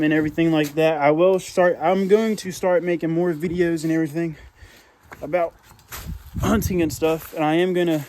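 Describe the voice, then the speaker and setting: A man's voice: a little high, a little mellow, slight background noise. A young man, rambling casually as he walks around outdoor hunting land, often trailing off with "and everything like that". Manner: talks while walking outdoors. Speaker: hunting vlogger.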